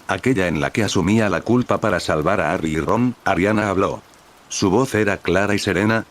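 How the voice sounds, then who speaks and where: A man narrating a story in a steady, measured reading style. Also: low-pitched. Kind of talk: scripted fanfic narration.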